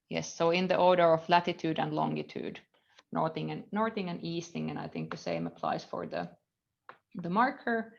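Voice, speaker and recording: A Finnish-accented woman in her thirties, a university lecturer, runs a live coding lesson from a computer in an indoor room. Her voice is on the low side and creaky, and she thinks aloud with lots of fillers, trailing off as she reads code. The recording is muffled, with a faint hiss or hum.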